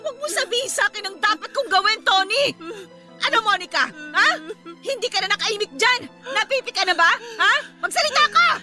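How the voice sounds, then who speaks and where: A woman playing an enraged, jealous wife in a shrill, scolding teleserye confrontation in Filipino radio drama. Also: animated, fairly quick. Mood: jealous, scornful. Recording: loud dramatic music underneath.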